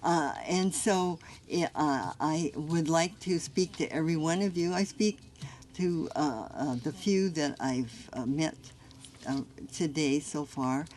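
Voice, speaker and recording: An older woman with a notably low voice gives a thank-you speech outdoors, pausing often with fillers. Faint outdoor noise sits behind her. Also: a little mellow. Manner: halting, with many fillers. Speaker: guest of honor. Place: outdoor county park.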